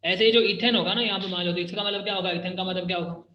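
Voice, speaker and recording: A man's voice: sits high, steady tone, very fast. A male chemistry teacher lecturing a class, drilling students with repeated questions and mixing Hindi with English. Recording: echoey room, dull lo-fi sound.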